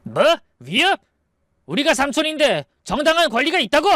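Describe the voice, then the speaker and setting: A man voicing a greedy, bullying older brother-in-law who shouts his demands. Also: extremely high pitch, sing-song, moderate pace, dry recording, studio quality, voice pushed up, heavily acted. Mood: greedy, shouting.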